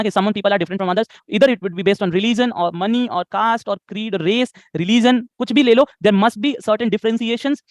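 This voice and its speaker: Young male history teacher, high voice, dry close sound, Hindi-lecture, keeps asking if it's clear. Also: no room sound. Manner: Hindi-English code-switching, asks "clear?" often; self-corrects pronunciation, restarts words. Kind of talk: live online class lecture.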